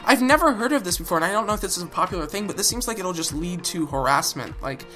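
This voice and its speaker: A woman's voice: lowish voice, expressive, fast talker, a bit bright. A young woman hosting a reaction video, talking bluntly and sarcastically and swearing freely. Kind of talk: casual reaction commentary. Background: background music.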